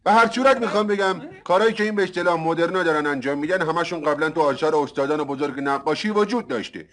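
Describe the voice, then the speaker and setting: A man's voice: on the high side, fairly bright tone, lightly acted. An actor dubbing a pompous male art professor who lectures and scolds his students. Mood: lecturing. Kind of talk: dubbed film dialogue.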